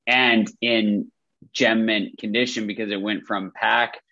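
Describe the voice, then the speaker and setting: A man's voice: fairly low pitch, steady tone, unhurried, pushed and bright, no echo. A man with a nasal voice co-hosting a casual podcast over a video call, friendly and self-deprecating. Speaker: podcast co-host. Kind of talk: casual chat. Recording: dull dry lo-fi call audio.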